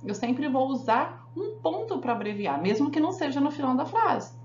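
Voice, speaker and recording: A woman's voice: high voice, very animated, normal speed, a little mellow. A woman teacher giving a grammar lesson, explaining step by step and often checking that the class follows. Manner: explanatory, asks the class frequent check questions. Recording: echoey room, dull sound, faint hum.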